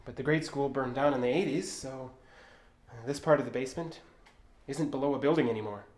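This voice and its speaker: An actor plays an earnest, touchy man exploring an old building and recounting local legends, stammering slightly in naturalistic audio drama dialogue. His mid-range voice is brisk and darkish, lightly acted, sounding nervous and eager, in an echoey, hollow-sounding room.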